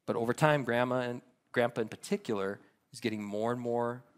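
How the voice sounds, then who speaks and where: A man's voice: medium pitch, brisk, smooth. A man preaching a sermon as pastor, leading the church in a playful audience exercise. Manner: upbeat, leads audience participation with laughs.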